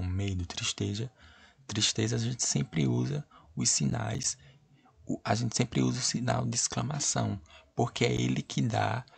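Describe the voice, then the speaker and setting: A man with a Brazilian accent teaches an online class in a low, gravelly, husky voice. He circles back over the same points and keeps asking the class whether they follow. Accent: Brazilian Portuguese. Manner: repetitive, checks students understand. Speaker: Portuguese teacher.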